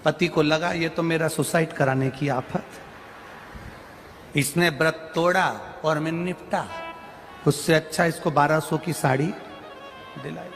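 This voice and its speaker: A man telling devotional stories in a sermon, animated and sing-song, rising suddenly loud. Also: fairly high pitch, a little slow, pauses often. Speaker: religious storyteller. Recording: long hall reverb with faint music.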